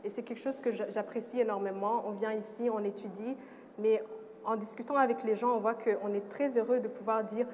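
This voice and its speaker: A woman's voice: a little high, a little mellow. Young woman panelist in a reverberant hall. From Rwanda. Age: young adult. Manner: earnest, switches between French and English, frequent restarts. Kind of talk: personal testimony on a panel. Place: event hall. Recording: long reverb of a hall, faint noise.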